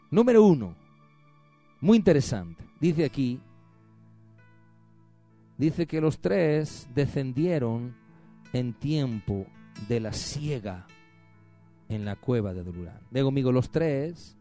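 A man's voice: medium pitch, warm tone. A man preaching a sermon with rising fervor, calling the congregation to repeat after him. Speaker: pastor.

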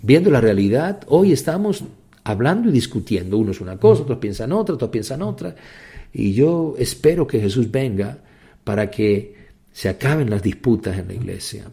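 A man's voice: animated, moderate pace, gravelly, mellow. A man preaching a sermon with fervor, repeating phrases and rising into sudden emphatic peaks. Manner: impassioned, repetitive, with sudden high emphatic outbursts.

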